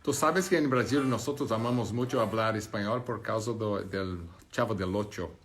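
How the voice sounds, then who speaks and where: A man's voice: fairly low pitch, normal speed, over music. A Brazilian man with a Portuguese accent, chatting casually on a live stream, reading out viewer comments and joking between languages. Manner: switches between Spanish, English and French, laughing and joking.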